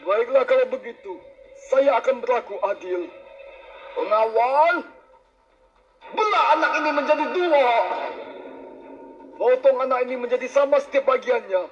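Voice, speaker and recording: A man voicing a stern, pompous judge in an animated courtroom drama, speaking in formal, grandiose declarations. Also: very high-pitched, moderate pace, long pauses. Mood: commanding. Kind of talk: dramatic animated story dialogue. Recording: dull lo-fi audio with music behind.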